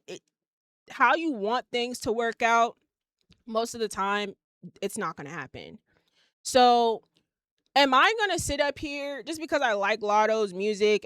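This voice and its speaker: A woman's voice: a little high, fairly bright tone, no room sound, studio quality. A woman, hosting a podcast and ranting bluntly with plenty of swearing. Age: 20s. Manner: blunt, profane, emphatic ranting. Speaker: podcast host. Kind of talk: casual opinion monologue.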